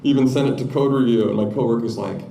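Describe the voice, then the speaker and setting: A man's voice: mid-range voice, fast, vocal fry, reverberant, distant mic, a crowd in the background, poor audio. A man giving a live-coding tech talk at a conference, chatting through his code with joking, self-deprecating asides. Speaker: conference speaker. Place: conference room with audience.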